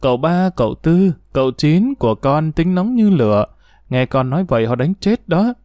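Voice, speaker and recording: A man voicing a worried middle-aged mother in a read-aloud story, pleading softly and slowly with her child. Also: a little high, lively intonation, no room sound, studio quality, lightly acted.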